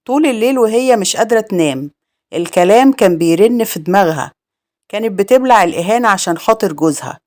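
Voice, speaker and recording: A woman with an Egyptian accent narrating a dramatic village crime story in a steady, grave manner. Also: medium pitch.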